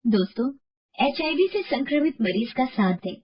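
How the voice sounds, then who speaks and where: A woman narrating a bedtime moral story in a steady, scripted way. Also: high voice, normal speed, highs cut off. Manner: steady, explanatory.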